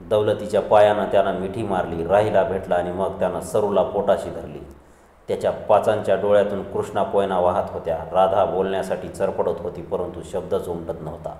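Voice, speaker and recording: A man narrates a novel in a steady, measured storytelling voice. His tone is low and mellow. The recording sounds roomy, with a long reverb tail. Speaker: audiobook narrator. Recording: echoey room with long reverb.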